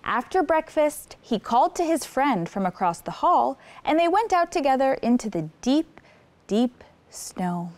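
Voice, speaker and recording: A woman's voice: high-pitched, very animated, a little slow, a little mellow. A woman hosting story time, reading a picture book aloud expressively and putting simple questions to young listeners. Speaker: children's story time host.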